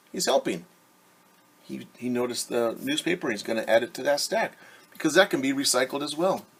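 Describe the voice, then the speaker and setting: In a small room at home, a middle-aged teacher reads a picture book aloud to children and explains things simply. His voice is medium-pitched with a breathy edge.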